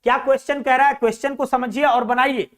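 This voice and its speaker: A male teacher gives an exam-prep lesson. He asks his students questions and answers them himself, reading English sentences slowly word by word. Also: steady tone. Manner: voice drops low and soft at the end of answers.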